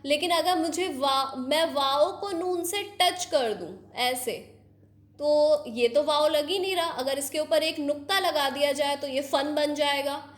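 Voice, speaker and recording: A woman teaching young children, explaining slowly and patiently, often asking questions to check they follow. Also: high-pitched.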